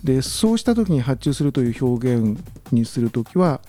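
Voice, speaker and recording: Relaxed man giving a lively radio lesson. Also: mid-range voice, faint music behind. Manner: relaxed, many fillers, slow careful English examples. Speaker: business school lecturer.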